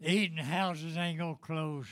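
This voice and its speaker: A man's voice: a little high, fairly even intonation, a little slow, fairly bright tone, dry recording. An elderly man preaching a fervent Pentecostal-style sermon in an emphatic, repetitive, folksy way. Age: 70s or older.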